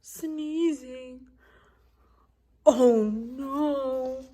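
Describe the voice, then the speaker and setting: A woman's voice: sits high, very slow, dark tone, voice pushed down, full character voice. A woman voicing a worried, melodramatic elephant who keeps sneezing and hesitating, in a storybook read aloud.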